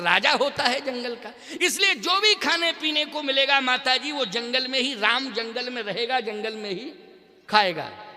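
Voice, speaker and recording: An older man preaching to an audience, his voice unusually high for a man and very bright. He talks slowly and emphatically, throwing rhetorical questions to his listeners, and his words ring out with a long echo in a large hall. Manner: chants scripture verses in a sung tone. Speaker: spiritual teacher. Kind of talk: devotional sermon.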